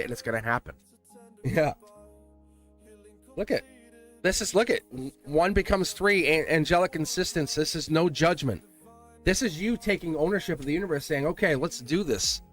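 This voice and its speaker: Male tarot livestream host, Boston accent, slightly high voice, chummy and slangy, music underneath. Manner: excitable, chummy address with slangy asides. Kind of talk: casual live tarot reading, chatting to viewers.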